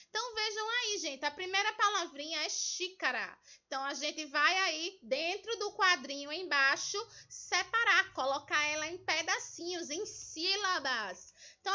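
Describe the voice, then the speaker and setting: Brief: very high, sharp-toned woman teacher, patient and child-directed, muffled lo-fi sound. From Brazil. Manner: slow, patient, spells out syllables for children. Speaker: primary school teacher. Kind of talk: remote homework lesson walkthrough. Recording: dull lo-fi recording.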